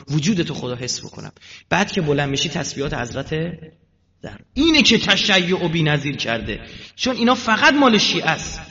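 A man preaching a sermon. He tells stories with animated delivery, swings from loud emphasis to hushed asides, and asks his listeners questions that he answers himself. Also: mid-range voice, gravelly. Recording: dull lo-fi recording with long hall reverb and faint noise.

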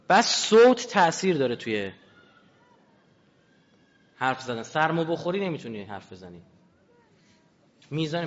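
A man giving a lecture to an audience, emphatic and full of rhetorical questions. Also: a little high. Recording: reverberant hall, dull lo-fi sound.

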